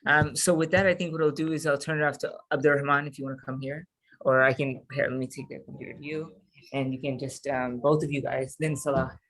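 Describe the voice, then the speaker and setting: Creaky-voiced man hosting casually. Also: medium pitch, flat delivery, quick pace, a bit bright. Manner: informal, hesitant, with fillers. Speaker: event host. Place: faculty club room.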